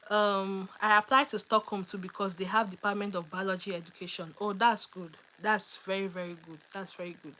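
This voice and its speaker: A woman's voice: mid-range voice, fairly even intonation, a little fast, few pauses, pushed and bright, rough recording. A woman hosting a casual livestream Q&A, reading out viewers' questions and answering in a chatty, emphatic way with teasing asides. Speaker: livestream host.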